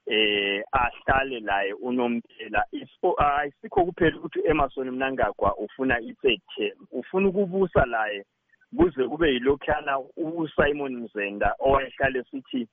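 A man's voice: medium pitch, sing-song, moderate pace, dry recording. A man with a Zimbabwean Ndebele accent giving political commentary in an interview, mixing English words into his speech. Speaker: political party leader, interviewee. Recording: phone-like narrow band, radio sound.

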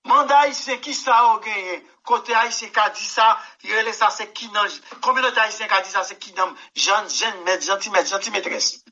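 Pitched on the high side with a sharp tone, this man talks at a moderate pace with few pauses. He's a musician being interviewed, answering in a rambling, emphatic way and frequently dropping "mon cher," all on a dull lo-fi recording.

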